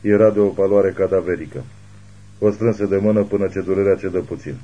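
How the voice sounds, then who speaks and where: A man narrating a thriller audiobook in a steady, grave reading. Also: low voice, lo-fi sound.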